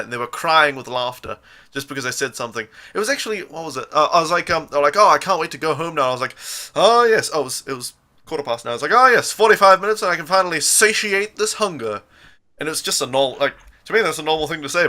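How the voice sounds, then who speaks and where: A young man with a New Zealand accent, hosting a podcast and chatting casually as a jokey, animated storyteller. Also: medium pitch. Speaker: podcast host.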